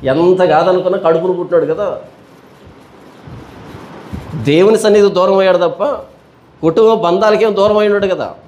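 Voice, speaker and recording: High-voiced male pastor preaching. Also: moderate pace, long pauses, darkish tone, slight background noise. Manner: rhetorical, repeats his questions; colloquial storytelling examples. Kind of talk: Bible study sermon.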